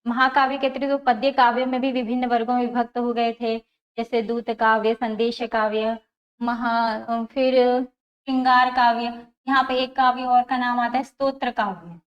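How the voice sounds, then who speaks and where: Female lecturer, a little high-pitched, explains methodically and repeats terms, dull lo-fi recording. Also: flat delivery, normal speed. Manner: explanatory, repeats key terms, asks and answers own questions. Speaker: teacher. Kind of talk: exam prep lecture. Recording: dull lo-fi sound.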